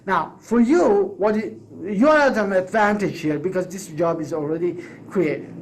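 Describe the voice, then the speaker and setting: A course creator whose first language is Persian delivers a solo pitch to camera for a proposal. He speaks at a normal speed, emphatic and persuasive, often restarting sentences to correct himself.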